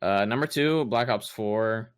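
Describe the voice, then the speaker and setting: A man's voice: on the low side, a little slow, clean tone, no room sound. A young man in casual chat on a gaming podcast, rambling with lots of fillers and restarts. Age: young adult. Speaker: podcast co-host.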